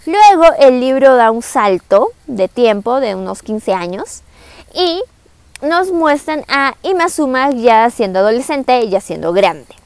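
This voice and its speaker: A young woman from Cusco with a Peruvian Spanish accent, casually retelling a classic play in a chatty, animated way and speaking straight to her viewers. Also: on the high side, unhurried, no echo. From Cusco, Peru. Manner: chatty, animated, direct address. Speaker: book summary vlogger.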